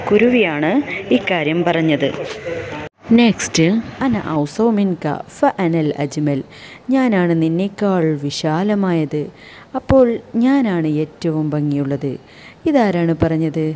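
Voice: medium pitch, dark tone. A teacher giving an online class, reading short text lines aloud and translating them phrase by phrase. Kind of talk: online class explaining a textbook lesson.

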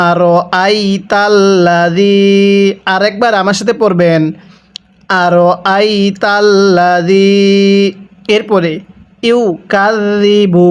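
High-voiced man teaching recitation. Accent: Bangladeshi Bengali. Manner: drawn-out slow chanting of verses, brisk explanations. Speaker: Quran reading teacher. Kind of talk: spelled-out recitation lesson.

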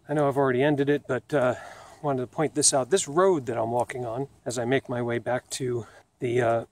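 A man's voice: mid-range voice, a little mellow. A man in his thirties narrating a casual walking vlog outdoors, talking into a camera held at arm's length, chatty and loose, thinking aloud with fillers. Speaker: video host exploring ruins. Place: outdoor woodland trail by a river.

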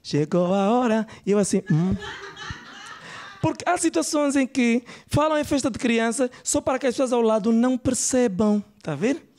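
A man's voice: very high-pitched, moderate pace. A man playing a brash, gossipy Angolan woman. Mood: chatty. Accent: Angolan Portuguese. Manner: chatty, animated storytelling. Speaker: stand-up comedian. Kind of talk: stand-up character bit. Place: comedy club stage.

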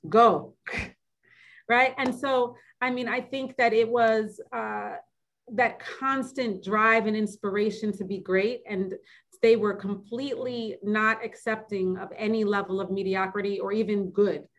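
A public health physician appears as a guest in a webinar interview, speaking in a steady, middle-pitched voice. She is earnest and reflective, often pausing with "um" and restarting sentences as she thinks.

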